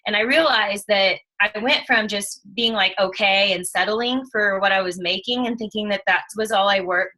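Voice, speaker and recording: Bright-voiced woman telling an emotional story. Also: medium pitch, moderate pace, few pauses, rough recording. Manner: animated, emotional storytelling with quoted asides. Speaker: network marketing distributor. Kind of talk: casual testimonial chat.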